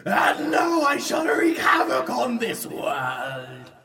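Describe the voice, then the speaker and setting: Bal Gregoth, a bombastic gravelly demon. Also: male voice, very high-pitched, huge pitch swings, slow pace, bright, forceful tone, raised voice, exaggerated voice. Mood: indignant. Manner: bombastic, theatrical, easily offended. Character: pompous shouting elder demon trapped in fridge. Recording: distant-sounding voice.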